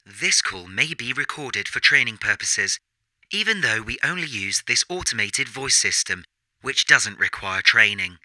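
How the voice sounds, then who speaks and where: A man's voice: mid-range voice, very animated, a little slow, bright, forceful tone, no echo, heavily acted, low-quality recording. A man doing a smug automated phone menu voice. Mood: mock polite. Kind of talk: comedy sketch parodying a phone menu.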